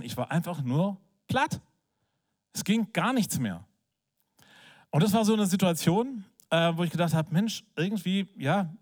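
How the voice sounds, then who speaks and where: A man preaching in a conversational, animated way, telling a personal story with filler words, then praying softly. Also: a little high. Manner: soft, hushed prayer. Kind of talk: sermon with personal story and prayer.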